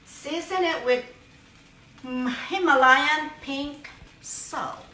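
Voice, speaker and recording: Speaking very slowly in a high-pitched, sharp-toned voice, a middle-aged woman cheerfully shows off a home recipe in a casual, joking cooking demo with cheery "ta-da" moments. She is a home cook vlogger, recorded from across her kitchen by a far camera, with roomy echo and faint kitchen clatter.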